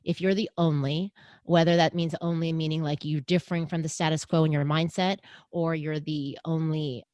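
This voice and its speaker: Middle-aged American woman, low-voiced, earnest and motivational, interview guest, dry recording. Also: moderate pace, dry recording. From United States. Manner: earnest, motivational, animated when quoting others. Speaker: podcast host and guest. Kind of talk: interview conversation.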